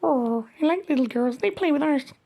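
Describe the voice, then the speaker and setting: A woman's voice: high voice, lively intonation, normal speed, creaky, dark tone. A woman in comic banter playing an eager, childlike servant, deferential yet teasing.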